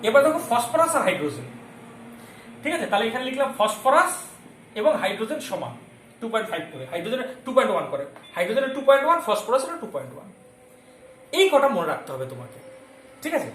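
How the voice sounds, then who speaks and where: A male chemistry teacher giving a lesson, constantly quizzing his students and repeating key terms slowly so they stick. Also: extremely high pitch, wildly swooping pitch, fairly bright tone, slight background noise. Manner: keeps asking the class questions and checking they follow. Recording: echoey room with faint ambience.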